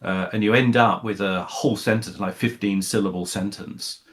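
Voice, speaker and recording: Low-voiced man telling rambling stories. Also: fairly even intonation, normal speed. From Scotland. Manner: rambling, many fillers and restarts. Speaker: voice actor guest. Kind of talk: casual interview chat.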